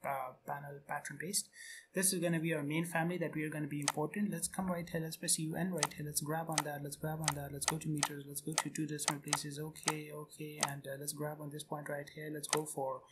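A man narrating a screen-recorded software tutorial in quick, repetitive step-by-step phrases. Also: a little high, little pitch movement. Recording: noisy home recording.

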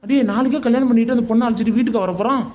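A woman voicing an easygoing village father in an animated family comedy-drama, coaxing and arguing with his wife to defend their son. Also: on the high side, very fast, natural voice.

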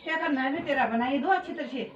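A woman's voice: high voice, quick pace, a little hiss or hum. A middle-aged mother from India scolding her son, nagging and repeating herself. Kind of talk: scripted family comedy argument. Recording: echoey room, distant dull mic.

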